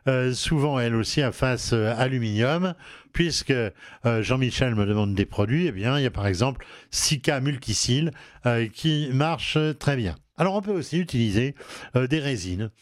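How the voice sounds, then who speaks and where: A man's voice: mid-range voice, animated, moderate pace, no echo, studio quality. A man with a regional French accent hosting a home advice talk show, hesitant with many fillers and restarts. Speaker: radio show host.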